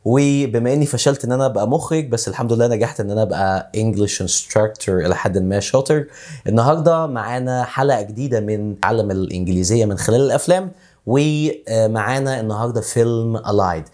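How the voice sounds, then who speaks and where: A man with an Egyptian Arabic accent teaching English casually, slowing down to repeat English phrases word by word. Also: fairly low pitch, a little mellow. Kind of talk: casual video lesson.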